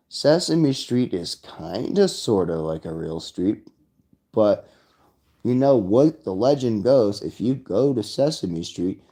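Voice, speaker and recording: Casting note: man, slow meandering monologue, warm mellow tone. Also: fairly low pitch. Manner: rambling, breaks into sung lyrics and put-on quotes. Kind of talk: rambling solo monologue.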